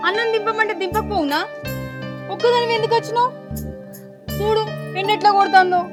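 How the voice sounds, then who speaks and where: Brief: actress as a protective young daughter, very high voice, Telangana accent, music bed underneath. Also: female voice, fairly quick. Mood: tender. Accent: Telangana Telugu. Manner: comforting to her mother, threatening to the liar. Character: fierce loyal daughter, protective and stern. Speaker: daughter standing up for her mother.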